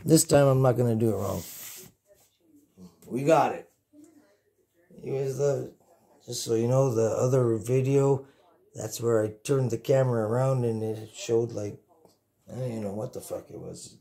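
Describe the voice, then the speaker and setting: A man's voice: medium pitch, moderate pace, vocal fry, pauses often, mellow. A man in his fifties rambling casually to camera as host of a home cooking vlog, giggly and tipsy, goofy and sweary, repeating himself, recorded on a phone in a kitchen. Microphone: phone, handheld then propped nearby.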